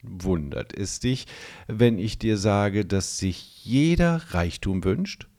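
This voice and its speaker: A man's voice: fairly low pitch, lively intonation, slow pace, a little mellow. A man voicing a tiny, pompous male gnome who grants wishes, reciting magic rules in a fussy, officious way. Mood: smug. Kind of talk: audiobook role reading.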